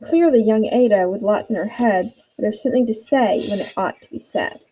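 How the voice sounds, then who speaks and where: A woman's voice: mid-range voice, fairly quick, warm tone, slight background noise, low-quality recording. A woman teacher giving an instructional read-aloud for students, encouraging them with guiding questions.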